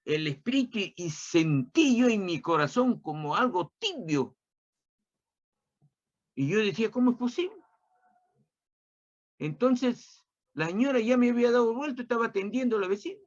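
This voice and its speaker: A man preaching a sermon with a personal story, animated and repeating rhetorical questions. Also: sits high, moderate pace, muffled recording.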